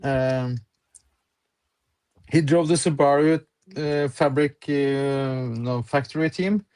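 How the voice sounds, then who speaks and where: Norwegian man calling in, speaks English slowly, lots of pauses and "uh". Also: medium pitch, darkish tone, clear, resonant tone. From Norway. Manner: halting, many "uh"s, laughs between words. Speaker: caller on voice chat.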